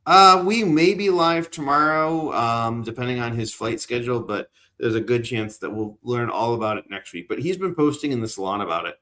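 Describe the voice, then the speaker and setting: A man's voice: mid-range voice, normal speed, hardly any pauses, sharp tone. A man co-hosting a live stream as producer, chatting casually and often repeating words. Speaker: producer and co-host. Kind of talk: casual livestream chat.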